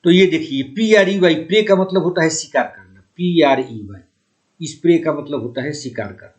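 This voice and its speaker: A man with an Indian accent teaching an exam-prep English lesson, switching between Hindi and English and repeating the key words. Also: a little high. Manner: slow and deliberate when reading English sentences aloud.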